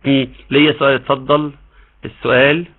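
A man with an Egyptian accent teaching an online tajweed lesson, explaining patiently and modeling slow recitation. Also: medium pitch, little pitch movement, slightly rough. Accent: Egyptian Arabic. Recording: tinny phone-like line.

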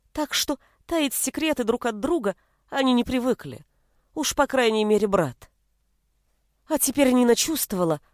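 A woman reading a story aloud in an expressive audiobook style, acting out each character's voice. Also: fairly high pitch, dry recording, clean studio sound. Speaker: audiobook narrator.

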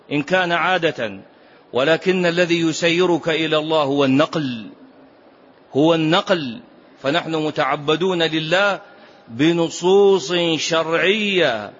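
Higher-voiced man teaching, dull lo-fi recording. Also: a bit bright. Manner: repeats key phrases for emphasis; asks rhetorical questions, prompts listeners with "ha?". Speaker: sheikh teaching a classical text. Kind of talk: religious lesson.

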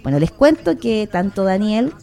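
A woman's voice: medium pitch, big pitch swings, moderate pace, gravelly, dark tone. A woman hosting a radio show, chatting casually, thinking aloud with fillers and tag questions. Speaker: radio host. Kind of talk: casual radio talk introducing guests. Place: radio studio.

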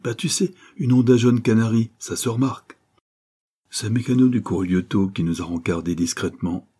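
A brash middle-aged policeman who loves his motorbike, teasing and quick to turn curt, voiced by a male audiobook narrator. His voice sits low and husky. The tone stays dark and mellow. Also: steady tone. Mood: breezy.

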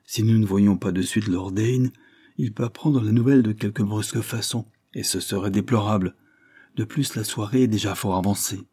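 A man's voice: on the low side, moderate pace, dark tone, slightly rough, dry recording. A man voicing a middle-aged doctor in a Victorian audiobook, firm and pressing. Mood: urgent. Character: grave, urgent middle-aged male doctor.

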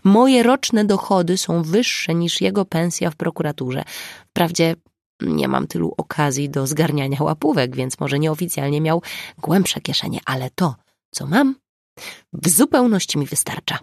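A woman's voice: low voice, big pitch swings, measured pace, vocal fry, darkish tone, dry recording, clean studio sound, exaggerated voice. A woman voicing a confident, independent divorced woman in an audiobook, ironic and sure of herself. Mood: assured. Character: independent divorced woman, self-assured, sharp-tongued.

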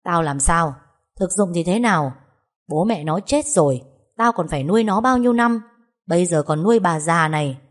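A woman's voice: lowish voice, lively intonation, normal speed, natural voice. A woman voicing a harsh, greedy husband. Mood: angry. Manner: harsh, shouting, crude insults. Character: angry greedy middle-aged husband, gambler.

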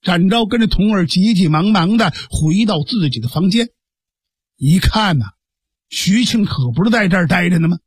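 一位带北京口音的男说书人，嗓音沙哑，用生动口语讲评书，夹带插话。. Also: male voice, high-pitched, moderate pace, husky, no room sound. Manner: lively, colloquial narration with asides. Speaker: storyteller. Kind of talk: traditional storytelling.

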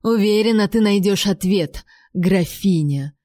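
A woman voicing a drunk, jealous noble duchess who sneers and shouts spitefully in an audiobook. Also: medium pitch, unhurried, no echo, close to an everyday voice. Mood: spiteful shouting.

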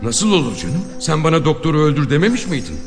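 A man voicing a defiant, wry outlaw man who has been shot, speaking in a low, subdued inner monologue. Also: sing-song, quick pace, long reverb tail, over music. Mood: dazed, wry.

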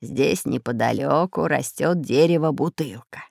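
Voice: medium pitch, measured pace, creaky, darkish tone, dry recording, clean studio sound. A storybook narrator voicing a learned geographer professor who explains things patiently. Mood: explaining. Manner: explaining, lecturing.

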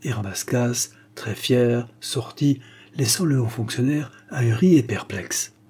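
A man narrating an audiobook in a measured, steady way. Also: medium pitch, husky. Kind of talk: audiobook reading.

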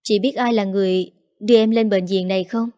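A woman's voice: medium pitch, fairly even intonation, a little fast, mellow, close to an everyday voice. A woman voicing an injured young man who earnestly soothes and reassures his older sister. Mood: explaining.

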